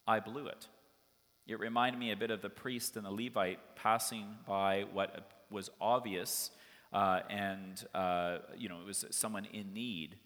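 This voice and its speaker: Lowish preacher in a reverberant church. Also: male voice, fairly bright tone. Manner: conversational, storytelling, with occasional fillers. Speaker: pastor. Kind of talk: sermon. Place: church sanctuary.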